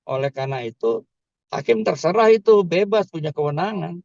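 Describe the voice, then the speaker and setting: Male legal pundit, emphatic explainer, slightly high pitch, dry and slightly muffled recording. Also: lively intonation, brisk, gravelly, darkish tone, no echo. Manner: emphatic, explanatory, repeats "kan" and "tuh". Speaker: criminal law expert. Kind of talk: interview answers.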